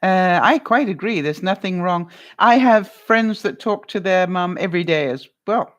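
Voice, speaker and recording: Answering live chat, a vlogger talks casually with viewers, addressing each by name, laughing easily and full of energy. Her voice is loud, carrying, and lowish, and the highs are cut off.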